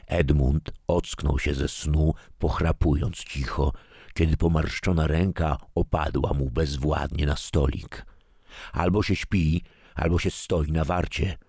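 A man narrating a story in a calm, measured way. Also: a bass voice, breathy edge, dry recording, studio quality. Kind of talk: scripted narration.

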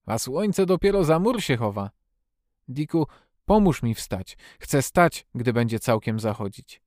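A man voicing a frail young boy in a storybook reading, talking quickly and eagerly with a commanding edge. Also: mid-range voice, sing-song, a little mellow, no room sound, clean studio sound.

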